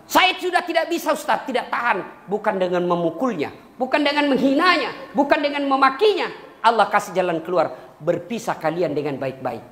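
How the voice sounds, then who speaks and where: A man preaching a humorous sermon to a congregation, lively and joking, sometimes breaking into a few lines of song. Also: very high voice. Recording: echoey hall with faint ambience.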